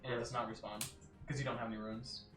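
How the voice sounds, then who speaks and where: Man, game master, casual narration, bright forceful voice, echoey distant mic, faint music behind. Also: mid-range voice, flat delivery, fast talker.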